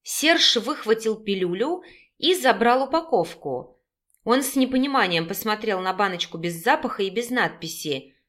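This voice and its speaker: A woman narrating an audiobook in a steady, measured storytelling manner. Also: mid-range voice.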